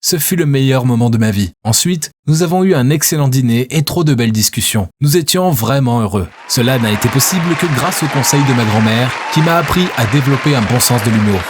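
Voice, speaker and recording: A man narrating a scripted first-person story in a steady, earnest manner. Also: mid-range voice, brisk, few pauses, a crowd in the background.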